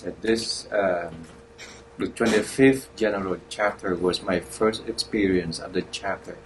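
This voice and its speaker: A man sharing his experience with a group in a measured, deliberate way, heard through a distant mic in a room. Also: low voice, a little hiss or hum.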